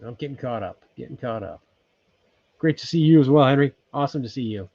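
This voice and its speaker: A man's voice: mid-range voice, expressive, fairly quick, a little mellow, no room sound, highs cut off. A man in his sixties from California, hosting a casual livestream from his off-grid cabin, chatting loosely with many ums and restarts. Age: 60s. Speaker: livestream host. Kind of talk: casual live chat reading viewer comments.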